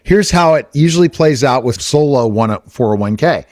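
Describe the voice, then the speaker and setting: A man reads an answer aloud on a podcast in a steady, plain voice of middling pitch. The sound is dry and close, with no room echo. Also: normal speed. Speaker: podcast co-host. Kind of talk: reading aloud and casual chat.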